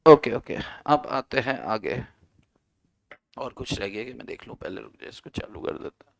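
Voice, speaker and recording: A man's voice: mid-range voice, normal speed, creaky. Man teaching economics in a conversational style. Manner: conversational, asks students questions and answers them. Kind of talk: classroom lecture.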